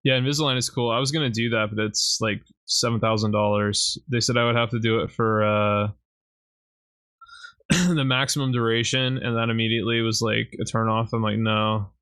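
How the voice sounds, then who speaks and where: A man co-hosting a podcast in casual chat, blunt and quick to swear while he rants. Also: medium pitch, steady tone, a bit bright, clear, resonant tone. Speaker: podcast co-host.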